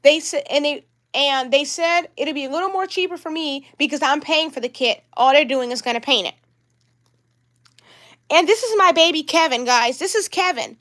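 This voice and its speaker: Brief: young woman, high voice, upset rambling livestream vlogger. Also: a bit bright. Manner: upset, rambling, repeats herself. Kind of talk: livestream vlog talk.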